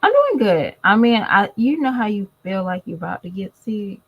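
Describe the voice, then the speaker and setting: In a lo-fi casual vlog, a woman talks to her viewers directly in a chatty way, sounding tired and congested. Her medium-pitched voice is husky and very animated, moving at a moderate pace.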